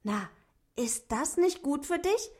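A woman's voice: high voice, animated, slow, a little mellow, pitched above the performer's own voice. A woman voicing a young boy who speaks eagerly and kindly in a children's story. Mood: friendly.

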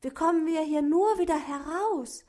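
A woman voicing a small, excitable male dwarf who whines anxiously in a storybook reading. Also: moderate pace, close to an everyday voice. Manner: high, anxious, whining.

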